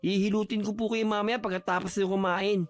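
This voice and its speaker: A man playing a gentle, devoted son. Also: sits high, level tone, fairly quick, faint music behind, lightly acted. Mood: tender. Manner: soft, polite, tender. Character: gentle devoted son caring for his mother. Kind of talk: audio drama acting.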